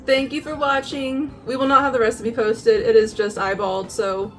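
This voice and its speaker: A woman's voice: a little high, level tone, moderate pace, a bit bright. A woman hosting a casual cooking vlog, teasing and giggling a lot. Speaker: vlog host.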